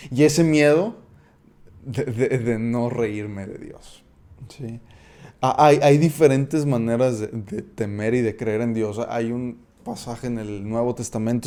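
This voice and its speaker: A man with a Mexican Spanish accent leads a relaxed Bible study. His voice is warm and mellow and sits at an ordinary pitch. He talks in a halting, conversational way, restarting phrases and checking in with his listeners. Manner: conversational, checks in with frequent tag questions. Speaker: Bible teacher. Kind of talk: casual Bible study talk.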